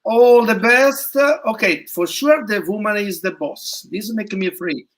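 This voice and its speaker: Bright-voiced effusive man. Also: high-pitched, measured pace. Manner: effusive, broken phrasing. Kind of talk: live interview chat.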